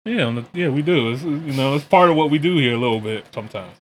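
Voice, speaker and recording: A man's voice: medium pitch, lively intonation, fast. Casual American man, noisy background. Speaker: podcast and reaction video host. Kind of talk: casual slangy chat. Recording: clear background noise.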